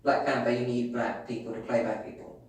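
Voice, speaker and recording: A British man with a mid-pitched voice co-hosts a casual podcast debate, circling back and repeating himself as he argues. He is heard from a distance in a very echoing room with a faint hum behind. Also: little pitch movement, brisk, a little mellow. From Britain. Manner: rambling, argumentative, repeats himself. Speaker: podcast co-host. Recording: very echoey room, distant mic.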